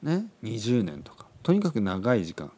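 A man talks into a studio microphone, keeping his voice low and gentle because his throat is sore. His pitch rises and falls a lot as he goes. He speaks slowly and simply for learners, often adding "ne" and repeating phrases. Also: huge pitch swings, husky. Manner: speaks softly, frequent "ne" tags, repeats phrases. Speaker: podcast host for Japanese learners. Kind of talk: slow, simple podcast talk for learners. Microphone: studio microphone, seated.

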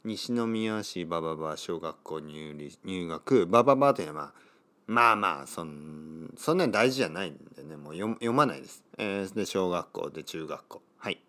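A middle-aged man from Kyushu, a Japanese language teacher, reads a text slowly for learners and restates each part in easier words, stopping to puzzle over hard names. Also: low voice, animated, a bit bright. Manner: reads text aloud slowly, then rephrases it in simpler words; stops and wonders aloud how to read place names. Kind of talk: explaining a reading for Japanese learners.

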